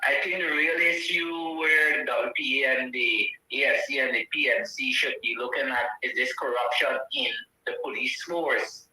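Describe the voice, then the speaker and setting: Male caller, bright, on a heavily echoing phone line from a second device, earnest and rambling. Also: mid-range voice, fairly even intonation, moderate pace, hardly any pauses. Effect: heavy echo from a second device on the phone call. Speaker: radio call-in caller. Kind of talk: call-in political opinion. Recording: echoey phone line from far off.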